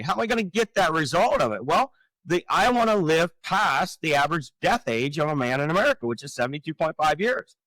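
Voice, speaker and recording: A man in his forties, a real estate coach talking on a podcast, explaining his framework with energetic rhetorical questions. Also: a little high, no echo, rough recording. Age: 40s. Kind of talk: casual podcast talk.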